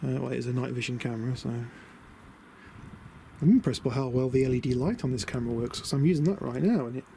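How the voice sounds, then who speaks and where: A medium-pitched, mellow voice with vocal fry moves along quickly as a British man gives casual, rambling vlog commentary. The DIY vlogger is outdoors by a van beside a house, showing a camper van conversion and muttering asides in a low-key, chatty way. Wind noise fills the noisy outdoor camera recording.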